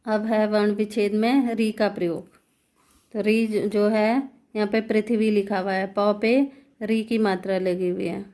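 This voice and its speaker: A woman's voice: medium pitch, darkish tone. A woman teacher explaining grammar step by step, asking questions and answering them herself. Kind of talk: Hindi grammar lesson.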